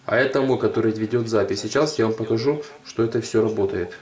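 Slightly low-voiced man, casual tutorial. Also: quick pace, noisy background. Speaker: video host. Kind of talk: casual hands-on tutorial narration. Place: indoors at a desk.

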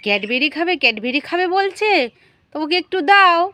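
High-voiced mother with sing-song teasing. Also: sing-song, fairly quick, pushed and bright. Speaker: mother in a family comedy skit. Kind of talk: playful family skit.

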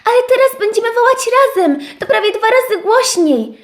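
A woman's voice: sits high, big pitch swings, moderate pace. A woman voicing a sweet, eager little toy sheep in a children's audio story. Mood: calling. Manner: eager, cheerful, shouting calls.

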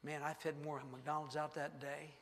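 Animated preacher in a church. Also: male voice, fairly high pitch, moderate pace, creaky. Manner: animated, rhetorical questions, acts out the story. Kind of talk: sermon with storytelling. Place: church sanctuary. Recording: long reverb of a church hall.

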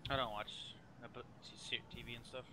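A young man making quick callouts and teasing teammates over voice chat during a shooter game. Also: medium pitch, little pitch movement, noisy background. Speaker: gamer.

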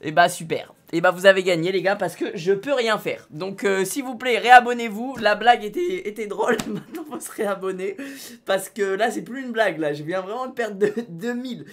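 A young man streaming live from his studio, talking to his chat in slangy, excitable bursts and shouting when things go wrong. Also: sits high, fairly quick.

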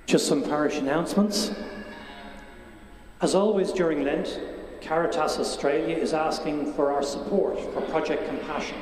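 A man's slightly high voice rings through heavy cathedral echo. He gives church notices in a formal reading style, with faint noise behind. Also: a little mellow. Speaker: clergy reading parish announcements. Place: large cathedral interior, heard with cathedral echo. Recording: very echoey cathedral, long reverb, faint noise.

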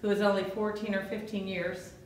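A woman's voice: medium pitch, flat delivery, a little fast. Woman tour guide in a very echoey room. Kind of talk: informal guided tour, explaining exhibits. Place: indoor museum rooms. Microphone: handheld camera, off-screen speaker. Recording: very echoey room, faint noise.

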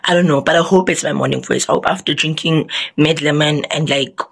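Husky young woman vlogging chattily. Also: brisk, rough recording. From South Africa. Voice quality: husky, lowered morning voice. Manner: chatty, rambling, self-mocking. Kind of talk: casual vlog talk to camera.

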